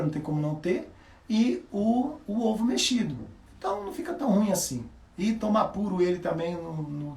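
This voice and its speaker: Man, high voice, lively live talk, roomy echo, a bit far from the mic. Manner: animated, laughs often, addresses viewers directly. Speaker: self-improvement speaker. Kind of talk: casual live-stream talk. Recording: echoey room, voice a bit off-mic.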